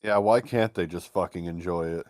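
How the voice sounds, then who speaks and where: A man co-hosting a podcast in casual chat, animated and crude, often swearing and slipping into mocking voices. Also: deep voice, a little fast, no room sound, clean studio sound. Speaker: podcast co-host.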